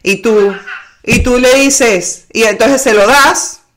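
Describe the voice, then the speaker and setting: A woman's voice: on the high side, takes it slowly, a bit bright. A Venezuelan woman in casual chat, rambling and restarting her sentences. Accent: Venezuelan Spanish. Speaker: conversation partner.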